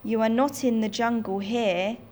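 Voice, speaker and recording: A woman voicing bossy village people, brisk and scolding. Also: fairly high pitch, steady tone, darkish tone, lightly acted.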